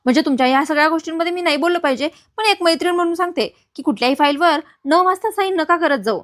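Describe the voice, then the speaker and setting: A woman voicing a gentle, caring young woman who speaks politely. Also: very high-pitched, fast.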